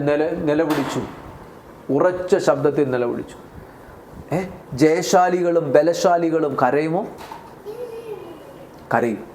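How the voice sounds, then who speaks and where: A man's voice: a little high, darkish tone, a little hiss or hum. A man with a Malayali accent preaching a sermon as pastor, often putting questions to the congregation. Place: church.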